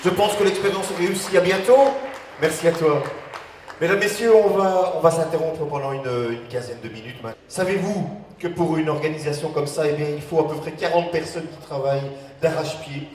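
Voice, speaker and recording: A man's voice: on the high side, brisk, a little mellow, a faint crowd. A man hosting a cabaret, making chatty, hesitant announcements from the stage. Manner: chatty, hesitant, repeats words as he goes. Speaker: cabaret master of ceremonies. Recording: echoey hall, slightly distant microphone.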